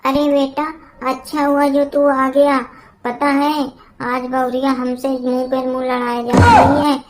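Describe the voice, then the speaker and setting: A woman's voice: high-pitched, little pitch movement, measured pace. A woman voicing a taunting older mother-in-law. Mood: complaining. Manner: taunting, name-calling. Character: quarrelsome older mother-in-law, scolding and boastful. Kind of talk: cartoon comedy voice acting. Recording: loud background noise.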